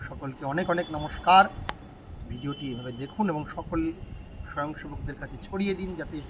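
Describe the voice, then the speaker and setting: A man teaching a chant, singing lines slowly and breaking words into syllables with repetition, then explaining pronunciation in quick, soft asides. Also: fairly high pitch, a little hiss or hum. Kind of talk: recitation lesson, chanting and explaining.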